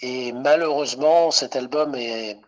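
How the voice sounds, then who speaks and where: A man's voice: mid-range voice, unhurried, low-quality recording. A middle-aged man from Italy, a singer-songwriter guest on a radio interview, speaking hesitantly with many fillers and restarts.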